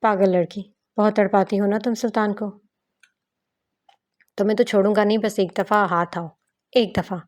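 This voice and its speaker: A woman's voice: mid-range voice, fairly even intonation, long pauses, darkish tone, lightly acted. A woman voicing a playful, teasing young husband while reading a novel aloud. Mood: longing.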